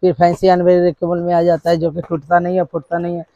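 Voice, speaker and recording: Salesman rattling off prices, flat and dark. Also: sits high, dry recording, lo-fi sound. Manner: brisk, repetitive price-listing salesman patter. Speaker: wholesale shopkeeper. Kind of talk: sales pitch to a vlogger. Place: crowded cosmetics shop, indoors.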